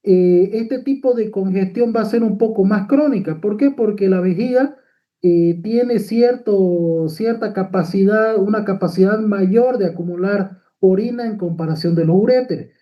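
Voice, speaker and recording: High-voiced man lecturing. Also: unhurried, dull audio. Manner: explanatory, frequent tag questions and fillers. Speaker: medical lecturer. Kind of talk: lecture with slides.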